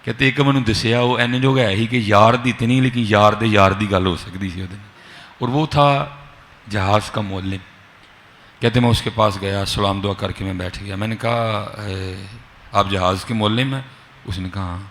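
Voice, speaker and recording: A man from Pakistan, an Islamic scholar giving a sermon and acting out the dialogue of his story with a lively, swinging delivery. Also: lowish voice, a little hiss or hum. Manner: animated storyteller, acts out dialogue, swings between soft and loud.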